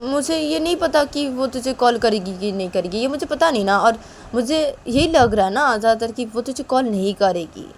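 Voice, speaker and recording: A woman voicing a bossy older sister who scolds and teases in a sharp, rising voice. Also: a little high, moderate pace, a little hiss or hum, pitched above the performer's own voice, lightly acted. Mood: dismissive. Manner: sharp, scolding, rising, repeating "kya hai".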